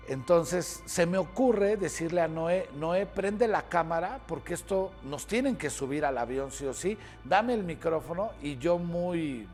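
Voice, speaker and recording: A man telling a story in a casual way, acting out the quotes and the sound effects. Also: a little high. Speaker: sports reporter telling a story.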